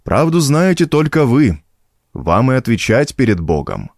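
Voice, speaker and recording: A man doing a calm old preaching priest. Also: mid-range voice, a little slow, dry recording, clean studio sound. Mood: solemn. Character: old village priest, gentle but firm.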